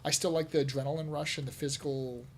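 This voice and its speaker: A man's voice: a little high, steady tone, quick pace, slight background noise. A man hosting a casual gaming podcast, talking in long rambling stretches with plenty of fillers and laughter. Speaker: podcast host. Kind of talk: casual chat.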